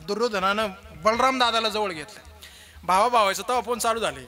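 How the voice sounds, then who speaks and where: A man's voice: high voice, brisk. A young man preaching a kirtan with a Marathi accent, telling stories and acting out the characters' voices for a live audience. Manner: animated, acts out characters' voices, jokes with audience. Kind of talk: kirtan sermon with storytelling.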